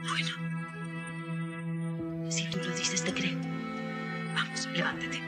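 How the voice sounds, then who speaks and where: A woman's voice: very high-pitched, normal speed, loud music behind the voice. A woman with a Latin American Spanish accent dubbing a desperate, fiercely protective young mother in a TV drama, speaking with impassioned pleading. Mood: tender, soothing. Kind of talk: dubbed TV drama. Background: loud dramatic score.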